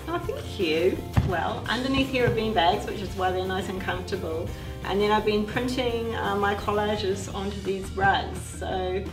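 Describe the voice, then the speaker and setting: A woman's voice: medium pitch, moderate pace. A woman from New Zealand with a New Zealand accent, an artist answering interview questions in an easygoing, chatty way with many fillers. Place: art studio. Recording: roomy studio, voice far from the mic, music behind.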